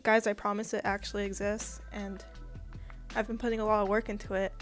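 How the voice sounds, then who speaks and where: A woman's voice: medium pitch, little pitch movement, fairly quick. Woman, casual vlog narrator, morning voice, rambling friendly delivery, faint music bed. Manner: chatty, rambling, with frequent fillers. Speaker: comic artist and YouTuber.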